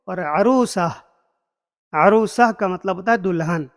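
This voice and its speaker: A man with a high voice runs a relaxed, spoken vocabulary lesson. He says each word slowly and says it again with stress so it sticks. His voice trails off in a long, ringing hall reverb. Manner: repeats words slowly and stresses them. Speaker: Arabic language teacher.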